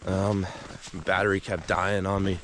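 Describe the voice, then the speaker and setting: With wind and outdoor noise around him, a man films himself on a snowy, windy trail and talks casually to the camera in hiking-vlog style. He has a low voice, speaks unhurriedly, and his delivery is completely flat.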